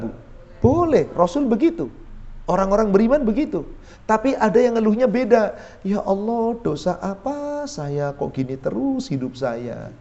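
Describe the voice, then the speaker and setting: Male preacher, a high voice, dull lo-fi recording, quizzing his listeners. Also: mellow. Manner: asks the audience questions and answers them; chants Quranic verses slowly. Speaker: ustadz preaching to a women's study group. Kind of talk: sermon. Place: small neighborhood prayer room.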